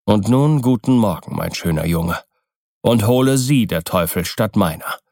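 A man's voice: on the low side, expressive, darkish tone, no room sound, studio quality. A man voicing a sly, persuasive older seller in an audiobook reading. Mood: dismissive. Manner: smooth, persuasive, measured explaining. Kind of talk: audiobook character voice.

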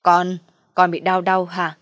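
A woman voicing a scheming middle-aged mother who laments loudly and theatrically. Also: fairly low pitch, monotone, slow pace, no room sound, studio quality. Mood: welcoming.

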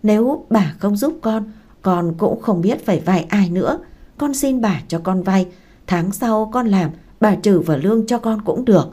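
A woman voicing a poor young woman pleading for a loan in a halting, choked-up way. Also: medium pitch, lively intonation, dark tone.

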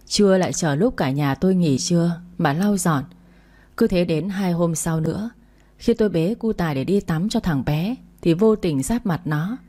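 A woman tells a first-person story in a steady, plain way. Her voice sits low and mellow. The telling is measured and even. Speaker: narrator.

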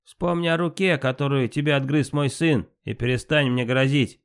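A defiant male fire god of myth, full of scorn and mockery, voiced by a man reading the tale aloud. He speaks higher and louder than the reader's own voice, taunting gods to their faces. A storybook performance of a spiteful trickster. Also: steady tone, moderate pace, lightly acted. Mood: defiant, mocking. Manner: mocking, defiant.

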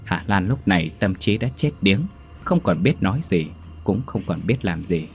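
A man narrating a horror story in a steady, measured storytelling voice. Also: sits low, faint music behind.

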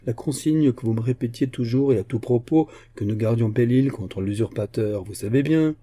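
A man reading a novel aloud, voicing a blunt, hearty giant of an old musketeer who talks loud and insistent. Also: mid-range voice, moderate pace, lightly acted. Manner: loud, insistent, plain-spoken.

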